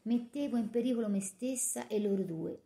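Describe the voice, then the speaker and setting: A woman narrating a novel in the first person with a measured, expressive reading. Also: fairly high pitch, creaky. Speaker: audiobook narrator. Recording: roomy echo.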